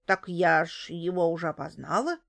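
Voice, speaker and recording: A woman's voice: lowish voice, expressive, normal speed, a little mellow, close to an everyday voice. A woman reading an audiobook voices an eager, gossipy old female neighbor with folksy, rustic speech. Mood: insistent.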